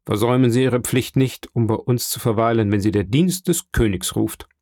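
A man voicing a dignified older nobleman who speaks gravely and formally. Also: medium pitch, steady tone, moderate pace, a little mellow, no echo, studio quality, lightly acted.

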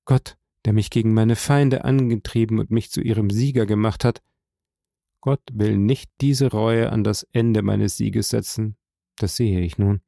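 A man reading aloud plays a grave older nobleman who speaks in a solemn, measured way. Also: on the low side, fairly even intonation, gravelly, mellow, dry recording, clean studio sound.

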